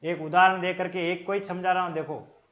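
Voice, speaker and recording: A man with a Rajasthani Hindi accent teaching an exam-prep Hindi grammar lesson, explaining slowly and repeating words to stress how they are pronounced, calling his viewers friends. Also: high-pitched, little pitch movement, a bit bright. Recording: dull lo-fi sound.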